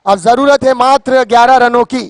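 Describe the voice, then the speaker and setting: Male cricket commentator, excited delivery, very high voice, dramatic poetic flourishes, dry sound. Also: normal speed, no room sound. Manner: theatrical, repeats phrases for emphasis; poetic, breaks into recited verse.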